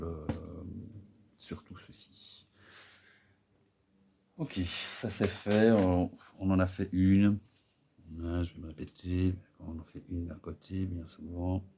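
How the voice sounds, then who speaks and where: A deep, dark male voice comes through with a little hiss or hum. He hosts a video while assembling a Lego set, chatting in a rambling, hesitant way with plenty of fillers and jokes at his own expense.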